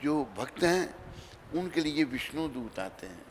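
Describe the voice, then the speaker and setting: A man preaching a sermon in Hindi, telling a story with dramatic swings between loud and soft and acting out the dialogue. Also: a little high, big pitch swings, a little slow. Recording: reverberant hall with faint background noise.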